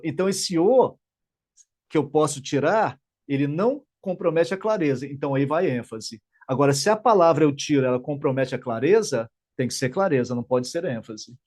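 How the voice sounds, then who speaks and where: A man's voice: on the high side, a little mellow. A man teaching an online exam-prep grammar class in Brazilian Portuguese, chatty and answering live student questions.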